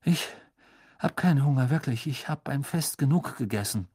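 Ein Mann spricht in einem Hörbuch einen erschöpften jugendlichen Helden, der dumpf protestiert. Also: male voice, medium pitch, expressive, normal speed, mellow, breathy edge, no echo, clean studio sound, pitched above the performer's own voice. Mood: weary. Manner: dull, protesting. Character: weary teenage boy hero, tired and defensive.

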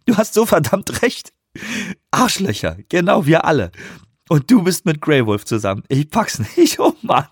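A man's voice: fairly low pitch, expressive, moderate pace, a little mellow, slightly rough, no room sound, clean studio sound. A man voicing a character who gasps out his words between bursts of laughter, in a German audiobook reading. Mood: giddy. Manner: breathless, laughing through words. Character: man, shaken by a laughing fit.

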